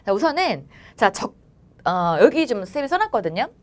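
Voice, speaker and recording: A woman's voice: a little high, very animated, moderate pace. A young woman teaching at a cram school, giving a motivational talk to exam students and coaxing them along with frequent check-ins. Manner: coaxing, often asks "알겠죠?" and acts out students' and teachers' lines. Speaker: academy teacher.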